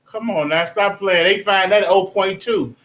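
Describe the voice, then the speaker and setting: A man co-hosting a casual gossip chat, slangy and quick to laugh, repeating his points. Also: sits high, noisy background.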